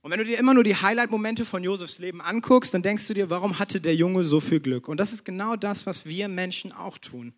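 A man's voice: high-pitched, brisk, hardly any pauses. A man preaching a sermon in a direct, conversational way, speaking straight to his listeners.

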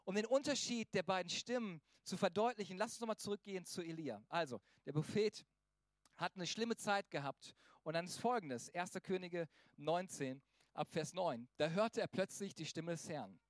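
A middle-aged man preaching a sermon as pastor, animated and acting out voices in his quotes. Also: high voice, normal speed, no room sound.

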